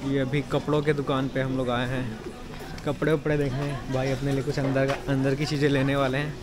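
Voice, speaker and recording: Strolling through city streets and a market with a handheld camera, a young man from India narrates a casual walking tour, addressing his viewers as brothers. He speaks fairly quickly in a mid-range voice with little pitch movement, street noise audible behind him.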